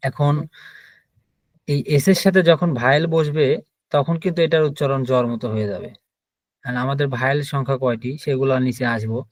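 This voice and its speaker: A man's voice: mid-range voice, steady tone, a little fast, long pauses, dry recording. Man teaching letters, dry sound. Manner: patient, spells out letters one by one. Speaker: German teacher. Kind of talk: online language lesson.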